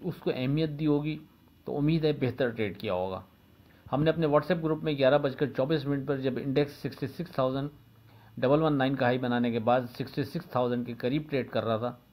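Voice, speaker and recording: A man from Pakistan with a Pakistani Urdu accent giving a daily stock market forecast, steady and methodical, often pausing with fillers. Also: medium pitch. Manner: steady, methodical, repeats figures and levels, frequent "uh" fillers.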